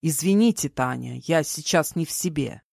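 A woman reading an audiobook voices a distraught middle-aged man who talks slowly and heavily, full of self-reproach. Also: low voice, lively intonation, gravelly, a little mellow, no room sound, studio quality, heavily acted. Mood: apologetic. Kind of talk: audiobook character voice.

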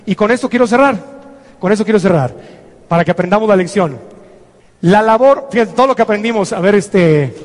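A man giving an energetic motivational business seminar, coaxing the audience and acting out scenes. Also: high-pitched, a little fast. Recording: echoey hall reverb.

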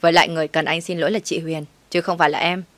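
A woman voicing a sharp-tongued younger sister who talks in a blunt, sarcastic way. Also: fairly low pitch, little pitch movement, rapid-fire, close to an everyday voice.

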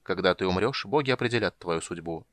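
A grim old priest, as a male reader puts him on, speaks in a low, grating and somber voice. The reading is close and dry, with no room sound around it. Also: lively intonation, fairly quick, no room sound. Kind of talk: audiobook character voice.

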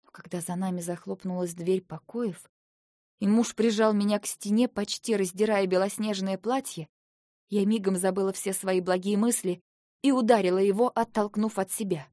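A woman's voice: mid-range voice, fairly even intonation, normal speed, mellow, no echo, clean studio sound. A woman narrating a novel in the first person, reading expressively and dramatically. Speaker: audiobook narrator.

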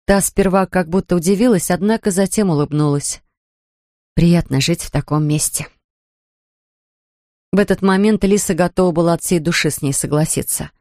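Brief: measured female audiobook narrator, fairly low voice, dry studio sound. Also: darkish tone, no room sound. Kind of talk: scripted narration.

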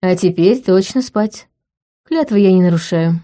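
A woman reading the lines of a confident, teasing young man in an audiobook, in a calm and self-assured manner. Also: on the low side, normal speed, lightly acted. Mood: firm. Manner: calm, teasing, sure of himself. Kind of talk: audiobook character voice.

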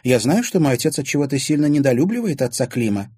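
An earnest young woman answers frankly, as a man voices her. Her pitch is raised above his own with a husky texture. The sound is close and dry. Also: very animated, fast talker, warm tone, no room sound.

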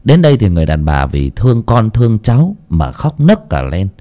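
A male storyteller narrates a ghost story with dramatic expression. His voice is very deep and dark, and his pitch moves a lot. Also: huge pitch swings, a little fast.

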